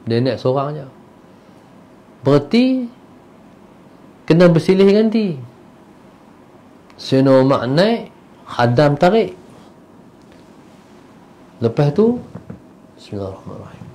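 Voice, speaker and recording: A man giving a religious lecture as a storyteller, moving between loud bursts and soft asides. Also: fairly high pitch, slow pace, long pauses. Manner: animated, acts out the characters' voices. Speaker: religious teacher.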